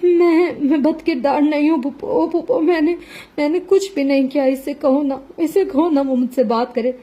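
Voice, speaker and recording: A woman's voice: sits high, steady tone, warm tone, muffled recording, voice pushed up, lightly acted. A woman voicing a terrified young wife who cries and stammers as she pleads. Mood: sobbing plea. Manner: stammering through sobs. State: crying.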